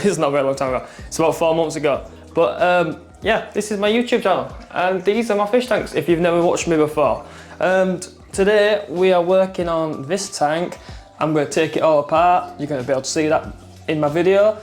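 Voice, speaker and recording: A man, hosting a casual aquarium vlog at home, chatty and quick to laugh at himself. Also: on the high side. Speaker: aquarium hobby vlogger. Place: indoors at home by his fish tanks. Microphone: clip-on mic, then phone mic.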